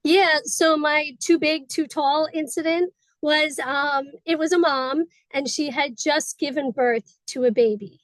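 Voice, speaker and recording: A woman on a webinar panel, chatty and quick, explaining how she trains staff over a video call. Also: high voice, steady tone, a bit bright, no echo, poor audio. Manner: chatty, fast-paced explaining. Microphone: video call mic.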